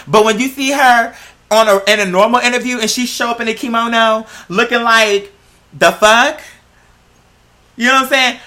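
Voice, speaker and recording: This androgynous-sounding American host chats sassily on a vlog, gossiping in slang and dragging out stressed words for emphasis. The medium-pitched voice sounds pushed and bright.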